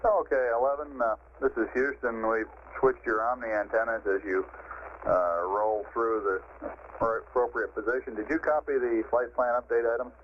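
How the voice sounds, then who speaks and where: An American man working as a mission control communicator, speaking in crisp procedural radio-check style over a band-limited vintage space radio link. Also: mid-range voice, fairly even intonation, moderate pace, lo-fi sound, slight background noise.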